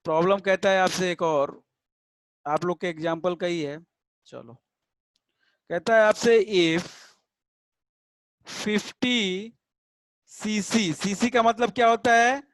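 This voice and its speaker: A man teaching a chemistry class with a fairly high voice. He is patient, often stops to ask whether the students follow, and stretches English terms out slowly. The sound is close and dry, with no room echo. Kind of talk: classroom lecture.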